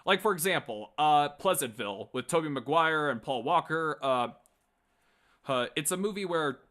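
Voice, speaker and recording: This man, who hosts a late-night pop culture commentary show, speaks in a slightly high voice with lively intonation at a moderate pace, sounding a bit bright. His delivery is casual and opinionated, rambling in stop-start bursts with plenty of emphasis.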